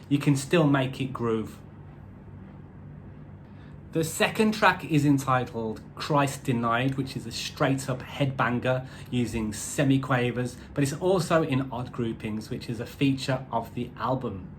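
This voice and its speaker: A man talks through an album review in a casual, rambling way, with dry jokes at his own expense and plenty of musician's jargon. His voice sits at an ordinary middle pitch, with a faint hum of noise behind it. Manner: chatty, rambling, wry asides; uses musician's terms.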